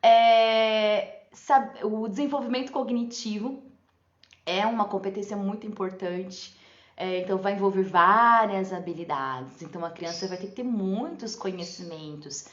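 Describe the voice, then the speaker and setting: Speaking unhurriedly in a mid-range voice, this woman teacher chats her way through a casual live talk on teaching aimed at parents and teachers. She laughs and frequently adds "né?" to check in. Expect echo from the room and a somewhat dull, lo-fi quality.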